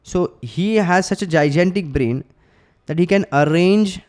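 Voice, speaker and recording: Slow, high-voiced man teaching scripture. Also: darkish tone. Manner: explains verses slowly, pauses, repeats and restarts phrases; tells listeners to write points down. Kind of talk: scripture class mixing Hindi and English.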